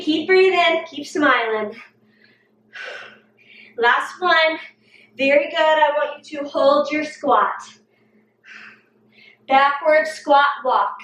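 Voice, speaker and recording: Woman fitness coach, winded, high voice, slow steady cues, recorded from a distance. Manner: coaching, encouraging, breathy exclamations between cues. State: out of breath. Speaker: fitness instructor. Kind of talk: workout video instruction. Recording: roomy echo, distant mic.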